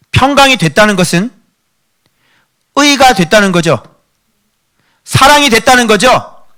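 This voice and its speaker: Middle-aged pastor preaching hard, bright sharp voice, goes from whispering to shouting, keeps firing questions at the church. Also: male voice, on the high side. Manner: swings from hushed whispers to loud impassioned pleading; asks the congregation rhetorical questions. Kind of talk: sermon.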